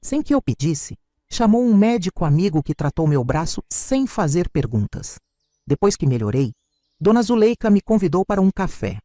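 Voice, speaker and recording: Expressive male story narrator. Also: sits high, moderate pace, no echo, studio quality. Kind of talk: scripted first-person story narration.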